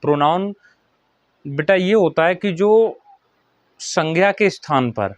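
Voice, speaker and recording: A man's voice: high-pitched, dry recording. Man teaching a dictated grammar lesson. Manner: repeats questions and answers them himself, dictating slowly. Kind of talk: Hindi grammar lesson for children.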